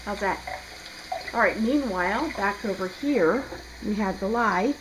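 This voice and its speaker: A woman's voice: medium pitch, a little slow, background noise. A woman with a South Jersey accent, chatting casually through a home tutorial as a soap maker in her kitchen, with frequent ums. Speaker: soap maker demonstrating a recipe. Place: home kitchen, second floor.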